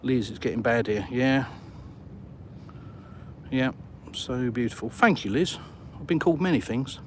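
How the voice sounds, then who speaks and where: Strolling outside after dark, this middle-aged man from England hosts a live walk-and-talk stream on his phone, casually answering comments he reads out from viewers. He speaks at a measured pace with a medium pitch and lively intonation, while soft traffic noise carries in the background.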